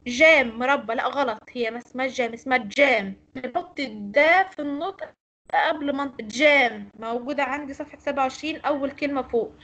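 Egyptian lady teacher, high voice, online class, going over how words sound. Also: quick pace, fairly bright tone, highs cut off. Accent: Egyptian Arabic. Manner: explaining and correcting pronunciation. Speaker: English teacher. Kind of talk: online lecture.

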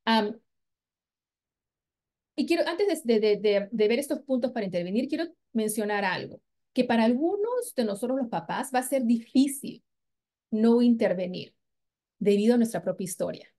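A woman's voice: a little high, animated, normal speed, pauses often. A woman presenting a parenting training, explaining step by step in a patient way and often checking in with her listeners. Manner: patient, explanatory, frequent "¿verdad?" and "¿ok?" check-ins; models gentle questions to children in a soft voice. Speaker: parenting educator.

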